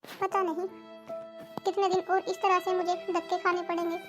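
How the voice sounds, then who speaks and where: A woman's voice: very high voice, little pitch movement, normal speed, over music. A woman voicing a self-pitying old widowed mother-in-law in a cartoon, complaining and lamenting. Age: older. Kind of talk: cartoon voice acting.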